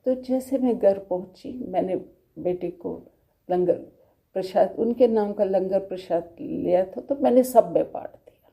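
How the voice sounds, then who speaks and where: A middle-aged woman recounts a devotional experience in a very dark, gravelly voice. She speaks with strong emotion and now and then sinks into soft, murmured prayers. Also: mid-range voice, measured pace. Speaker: devotee sharing a testimony. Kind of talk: personal devotional testimony.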